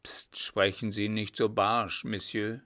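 A man's voice: lowish voice, level tone, takes it slowly, a bit bright. Man doing a sly, cheeky coachman. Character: sly, cheeky coachman who mocks his captain.

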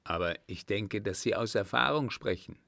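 A courteous, proud young army lieutenant, read by a man. His voice is low and gravelly, the delivery slow and measured. It sounds close and dry. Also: lively intonation, sharp tone, no room sound, heavily acted. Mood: earnest.

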